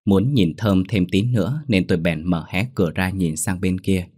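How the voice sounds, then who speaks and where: A young man calmly narrating a first-person ghost story. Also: sits low, normal speed, breathy edge.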